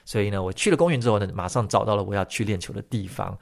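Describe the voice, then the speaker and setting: Gravelly low-voiced podcast man, chatty. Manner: chatty, ends phrases with drawn-out particles. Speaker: podcast host. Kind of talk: solo podcast storytelling.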